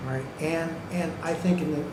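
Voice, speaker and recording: Here a man with a fairly high pitch and a steady tone talks quickly at a county meeting's public comment. He presses his arguments firmly, punctuating them with "okay" and "right." Recorded in a county government meeting room, the audio is echoey with noise behind it.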